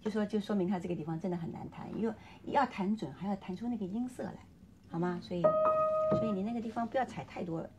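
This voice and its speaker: A woman's voice: medium pitch, fast. A woman piano teacher coaching a student, singing and humming phrases as she explains. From China. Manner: coaching, sings melodies and hums phrases. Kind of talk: piano masterclass instruction. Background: piano playing.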